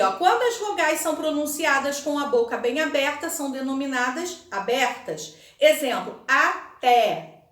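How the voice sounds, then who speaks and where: High-voiced Brazilian woman teaching slowly. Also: a bit bright. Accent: Brazilian Portuguese. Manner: slow, careful word-by-word pronunciation. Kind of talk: recorded remote Portuguese lesson. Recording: echoey room.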